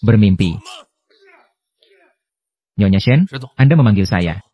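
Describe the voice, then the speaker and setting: Male recap voice-over: dark, husky tone, stiff and even line reading, dry close mic. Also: on the low side, a little fast, no room sound. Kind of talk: reading out translated drama dialogue.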